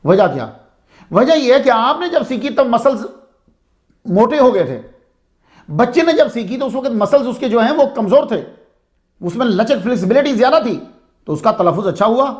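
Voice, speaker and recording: A man telling a saint's story as a sermon-style lecture, in a conversational way that asks the listeners questions. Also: sits high. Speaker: religious speaker.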